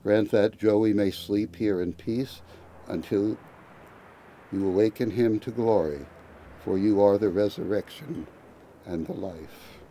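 A man, a priest, reciting committal prayers at a graveside in a measured, liturgical way. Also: lowish voice, dark tone, slight background noise.

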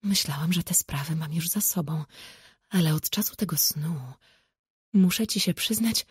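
A woman's voice: lowish voice, moderate pace, slightly rough, no room sound, clean studio sound. A woman voicing a fussy, scheming middle-aged mother in an audiobook, who talks dramatically and drops into conspiratorial whispers. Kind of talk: audiobook character voice.

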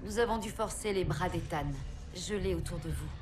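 A woman's voice: fairly low pitch, normal speed, close to an everyday voice. An actress playing a firm, composed female warship captain in her forties in a video game. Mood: frank, composed. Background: game music.

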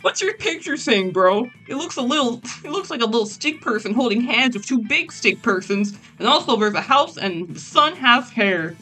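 A woman's voice: a little high, very animated, normal speed, hardly any pauses, bright, forceful tone, faint music behind, exaggerated voice, poor audio. A woman voicing a big, dim, childlike male werewolf jock in a video game, earnest and naive. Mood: cheerful. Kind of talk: voicing a video game's dialogue.

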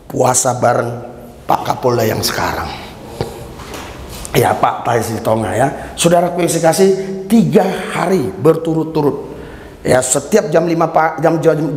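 A man's voice: mid-range voice, a little mellow, slight background noise. Fervent male preacher in an echoing hall. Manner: fervent preaching, calling out hallelujahs to the crowd. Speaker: pastor. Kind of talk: sermon. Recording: reverberant hall.

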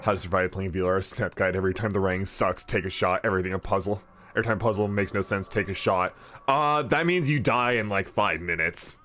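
A man streaming a video game, commenting casually in a joking, swearing, animated way. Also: sits low, brisk.

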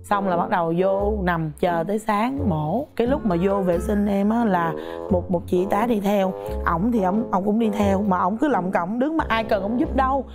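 A woman's voice: mid-range voice, normal speed, music in the background. A young woman, animatedly telling a story on a talk show, acting out voices and laughing often. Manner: lively, laughs often, acts out quoted voices. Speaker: guest mother telling her birth story.

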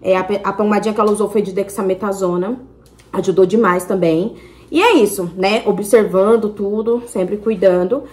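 A woman's voice: mid-range voice, normal speed, a little mellow. A young woman with a Brazilian accent, chatting to her viewers and telling a story in long, detailed detail. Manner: talkative, tells everything in detail. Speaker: family vlogger. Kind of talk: casual chat to camera.

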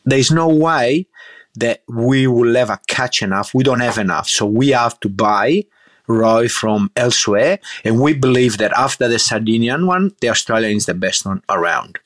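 A man re-enacting a frank Sardinian fishmonger in an anecdote, speaking a bit higher than his usual voice. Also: expressive, normal speed, natural voice. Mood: blunt.

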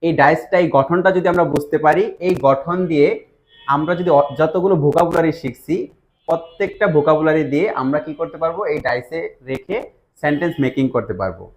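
A man's voice: a little high, brisk. A Bangladeshi man, a language teacher, patiently explaining grammar step by step and asking his students rhetorical questions. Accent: Bangladeshi Bengali.

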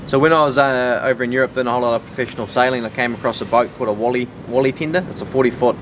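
Clear outdoor noise and vehicle rumble sit behind a man in his thirties, heard slightly away from the mic. He has a New Zealand accent and a medium-pitched voice. He explains technical details informally and plainly, like a tradesman walking viewers through his product. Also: fairly even intonation, very fast, a bit bright, distant mic. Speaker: boat builder and designer. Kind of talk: casual product walk-through. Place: outdoors in a yard beside a metal boat.

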